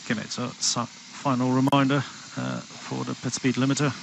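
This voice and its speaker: A man working as a race engineer, giving halting procedural instructions over race car team radio. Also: mid-range voice, level tone, creaky, noisy background. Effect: team radio transmission.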